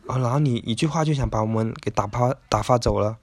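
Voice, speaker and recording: A man's voice: mid-range voice, fast, a little mellow, no echo. A man hosting a casual self-help talk, chatty and rambling, with lots of little filler words. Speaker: podcast host.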